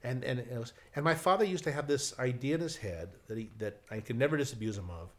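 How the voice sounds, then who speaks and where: A middle-aged man spins a casual anecdote as a television writer, in a medium-pitched voice. He tells it in a lively way, with many restarts and side remarks. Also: fast talker. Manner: lively storyteller, frequent restarts and asides.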